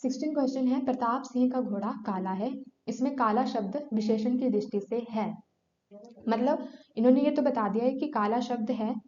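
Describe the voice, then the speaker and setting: Woman teacher going over grammar questions, slightly high voice, roomy dull recording. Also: moderate pace, dark tone. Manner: explanatory, rhetorical questions answered herself. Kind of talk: exam-prep grammar lesson. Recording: echoey room, dull lo-fi sound.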